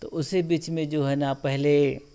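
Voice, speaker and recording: A man with a Chhattisgarhi accent telling a local folk legend in a casual, animated way, often filling with "jo hai na". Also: fairly high pitch, unhurried, clear, resonant tone. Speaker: storyteller guest.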